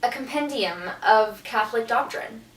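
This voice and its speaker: A young woman with a slightly high voice co-hosts a casual scripted video, bubbly and enthusiastic. The recording is roomy and echoey. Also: animated, normal speed. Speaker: co-host. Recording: echoey room, mic at a distance.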